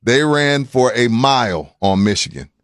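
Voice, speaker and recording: A man's voice: medium pitch, very animated, a little slow, no echo. A man hosting sports talk radio, loose and opinionated, circling back to his points to drive them home. His voice sits in the middle range and comes through a close studio mic with a dry, deadened sound. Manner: opinionated, casual, repeats himself for emphasis.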